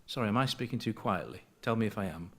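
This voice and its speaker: A man's voice: on the low side, lively intonation, fast. Chatty man giving a Bible talk. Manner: conversational, digressive, reads scripture aloud. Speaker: Bible study speaker.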